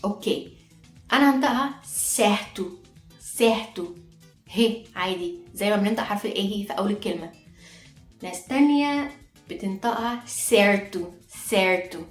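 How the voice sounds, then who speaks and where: Speaking at medium pitch, fairly quickly and expressively, though with long pauses, a woman with an Egyptian Arabic accent teaches Portuguese pronunciation in an online lesson. She goes step by step, repeating each example word, and the echoey room has faint music.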